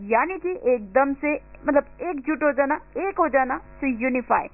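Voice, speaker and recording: An Indian woman hosting a radio vocabulary lesson, explaining words in Hindi, reading English examples slowly and spelling them letter by letter. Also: sits high, gravelly. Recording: phone-like lo-fi radio audio with faint music.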